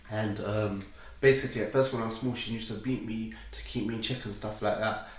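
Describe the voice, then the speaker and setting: A man's voice: lowish voice, steady tone, a little fast. A man with a South London accent giving an informal personal testimony in a hesitant, repetitive, slangy way. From South London, England. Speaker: speaker telling his conversion story. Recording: echoey room, distant microphone.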